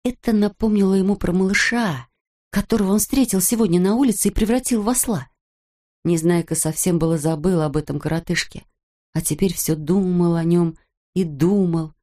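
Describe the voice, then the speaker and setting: Lady reading a kids story, lowish voice, expressive and even. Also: normal speed. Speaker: narrator. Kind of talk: children's audiobook narration.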